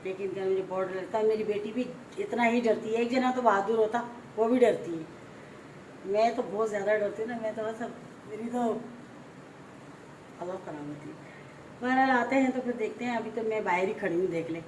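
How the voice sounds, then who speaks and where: A middle-aged woman from Pakistan with a Pakistani Urdu accent, chatting casually in a family vlog at home and telling a story in an animated way, with lots of repetition for emphasis. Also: mid-range voice, brisk, slight background noise. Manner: frightened and fretful at first. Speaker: vlogger. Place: home, moving between rooms and a balcony.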